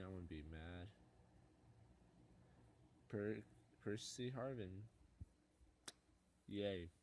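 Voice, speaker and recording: A man's voice: fairly low pitch, a little mellow, a little hiss or hum. A young man hosting a gaming channel, opening card packs in casual commentary and muttering dejected complaints about his pulls.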